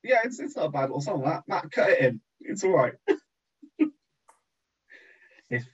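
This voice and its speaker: A man's voice: on the high side, sing-song, unhurried, breathy edge, dull audio. A man co-hosting a podcast in casual chat, joking around and rambling with lots of ums. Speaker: podcast co-host.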